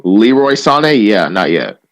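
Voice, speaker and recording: A man's voice: on the low side, sing-song, takes it slowly. A young man co-hosting a casual sports podcast, giving short blunt replies and teasing his partner. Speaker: podcast co-host.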